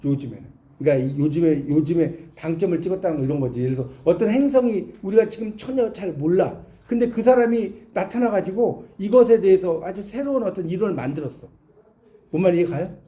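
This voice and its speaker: A man's voice: sits high, fast talker, mellow. A man giving a classroom lecture, explaining with examples and asking his students questions. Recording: echoey classroom.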